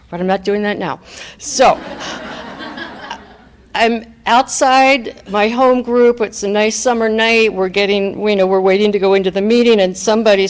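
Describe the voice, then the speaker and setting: Woman, recovery meeting speaker, conversational, candid, reflective, medium pitch, self-deprecating. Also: a little hiss or hum. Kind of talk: personal testimony talk to a group.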